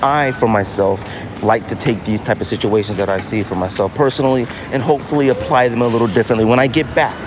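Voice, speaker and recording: Talking quickly in a mid-range voice over some background noise, this solo podcast host keeps things casual but emphatic, hammering points home by repeating phrases.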